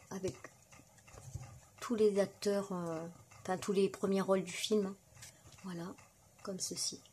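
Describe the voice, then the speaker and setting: A woman's voice: medium pitch, darkish tone, a little hiss or hum. Chatty middle-aged woman showing crafts. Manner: chatty, many fillers, admiring. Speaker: crafting YouTuber. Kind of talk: casual show-and-tell vlog.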